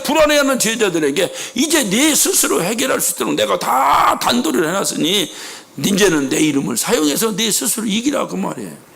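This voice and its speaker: A man's voice: high-pitched, vocal fry, fairly bright tone. A middle-aged man preaching a sermon as a church pastor, emphatic, with rhetorical questions and acted-out quotes. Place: church sanctuary.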